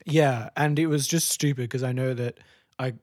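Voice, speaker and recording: A man's voice: mid-range voice, fairly even intonation, a little mellow. Guy cohosting a podcast, jokey and sweary, chatting with his buddy. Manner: joking, swearing, quick asides. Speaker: podcast co-host. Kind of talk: casual chat.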